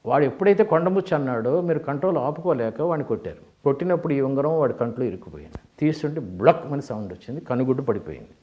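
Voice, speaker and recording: A man's voice: mid-range voice, fast, hardly any pauses, muffled recording. Older man telling stories in a lecture. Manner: animated storytelling, acts out quoted characters, mixes in English phrases. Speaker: motivational speaker. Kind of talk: storytelling lecture.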